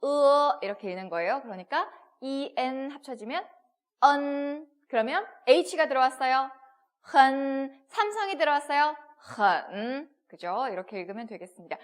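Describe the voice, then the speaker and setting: A woman's voice: high voice, very animated, a little fast, few pauses. A woman teaching Chinese in a textbook video lesson, explaining step by step with rhetorical questions and modelling pronunciations. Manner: models pronunciations in short repeated syllables.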